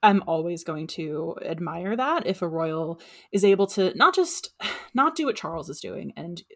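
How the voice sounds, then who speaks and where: A woman co-hosting a casual podcast, speaking in a measured, thoughtful way with frequent ums. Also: fairly low pitch, sing-song, creaky, fairly bright tone. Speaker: podcast co-host. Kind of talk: casual chat.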